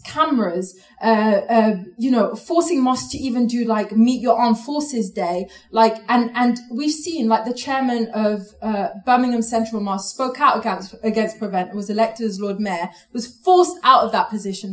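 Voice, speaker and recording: Woman on a panel talking fast and fired up, lots of "like", echoey room. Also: fairly high pitch. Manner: urgent, many fillers like "like". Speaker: panel speaker. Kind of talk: impassioned panel talk.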